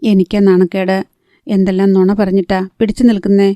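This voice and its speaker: Woman reading young woman, anxious, practical, earnest, warm mellow tone, dry close sound. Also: mid-range voice, flat delivery, a little fast, dry recording, natural voice. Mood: pleading. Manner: earnest, hushed pleading.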